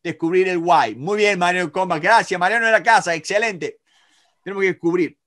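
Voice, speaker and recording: A middle-aged man with an Argentine Spanish accent teaches negotiation in a live online class, lively and talking to students by name with frequent checks on whether they follow. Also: high voice, brisk. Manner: animated, talks to students by name, many rhetorical checks. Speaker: negotiation instructor.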